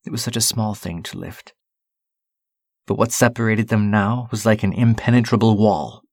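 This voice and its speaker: Man, audiobook narration, steady and calm, deep-ish voice, dry recording. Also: moderate pace, no echo. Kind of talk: storybook narration.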